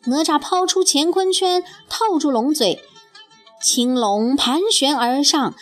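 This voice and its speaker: A woman narrating a children's storybook in an expressive, lilting way. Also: high voice, slow. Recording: faint music bed.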